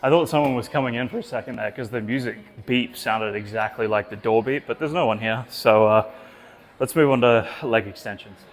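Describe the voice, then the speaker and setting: A man's voice: mid-range voice, a little fast. A man vlogging his gym workout in a casual, sweary chat, out of breath between sets, recorded in an indoor gym. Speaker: fitness vlogger. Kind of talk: casual gym vlog narration.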